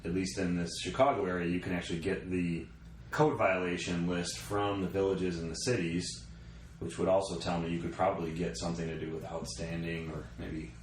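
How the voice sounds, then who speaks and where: Host guy w a really low voice, kinda far from the mic, echoey room. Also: fairly quick. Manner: short affirmations, relaxed explaining. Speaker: radio show host. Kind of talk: casual interview. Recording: roomy echo, distant from mic, faint noise.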